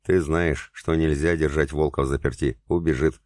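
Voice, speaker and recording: A man's voice: a bass voice, steady tone, normal speed, a little mellow, dry recording, clean studio sound. A man voicing a fierce, volatile male fighter in an audiobook, speaking in a growling, threatening way.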